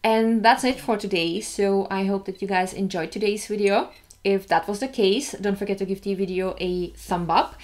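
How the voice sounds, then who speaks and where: A woman's voice: mid-range voice, normal speed, a little mellow. Chatty woman vlogger, candid and easygoing. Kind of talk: casual vlog talk.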